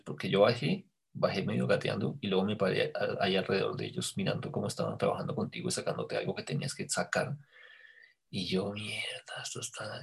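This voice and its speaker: A man with a low, gravelly and somewhat husky voice tells a personal story in relaxed conversation. He hesitates and restarts as he searches for words. When he quotes his own thoughts, his voice sinks to a hushed near-whisper. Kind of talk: casual spoken recollection.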